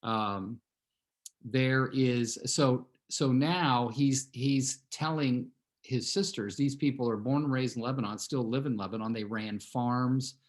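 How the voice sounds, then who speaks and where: With a mid-range voice, taking things slowly, a California real estate team leader in his sixties recounts a rambling personal story to his team over video. Along the way he keeps addressing his listeners directly.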